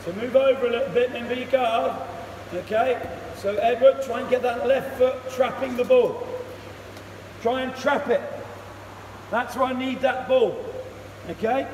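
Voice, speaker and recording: High-voiced cricket coach in an echoey hall. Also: male voice. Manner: encouraging, brisk instructions and praise. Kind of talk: one-to-one coaching session. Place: indoor cricket net hall. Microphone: camera across the net, far off. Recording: echoey hall, voice from far off, loud noise.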